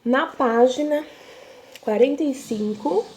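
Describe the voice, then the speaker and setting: A young woman with a Brazilian Portuguese accent teaches young pupils at a slow, unhurried pace. Her voice sits fairly high but sounds soft and mellow, and she stretches and repeats words with patient care. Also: slight background noise. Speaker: primary school teacher. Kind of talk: recorded remote reading lesson for children.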